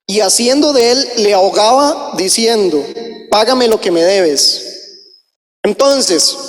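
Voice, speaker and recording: Man, preacher, high voice, quick conversational sermon, long church-hall reverb. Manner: quick, conversational, addresses the audience directly. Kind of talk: sermon teaching with Bible reading.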